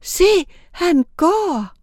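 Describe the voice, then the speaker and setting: A woman voicing a young, newly-appointed female angel who is tender and timid, speaking softly and pleadingly. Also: a little high, no room sound, studio quality, voice pushed up, natural voice. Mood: fearful. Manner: soft, pleading, often breathy or whispering.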